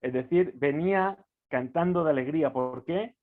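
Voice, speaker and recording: A man's voice: on the high side, moderate pace. A man teaching a Talmud lesson, reading phrases aloud and then explaining them, with frequent restarts and rhetorical questions. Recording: phone-like narrow audio.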